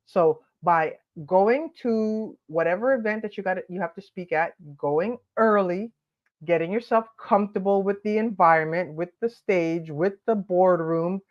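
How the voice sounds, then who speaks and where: On lo-fi audio, a woman with a mid-range voice speaks a little slowly while hosting her daily stream about confidence. She greets viewers by name and gives upbeat tips, sounding stuffed up and nasal because of allergies.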